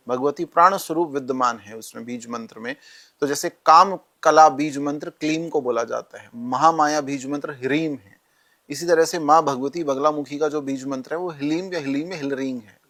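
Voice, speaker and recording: A man gives calm, step-by-step instructions on rituals and mantras as an interview guest. His voice sits a little high for a man, and he speaks straight to the listener. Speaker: astrologer guest.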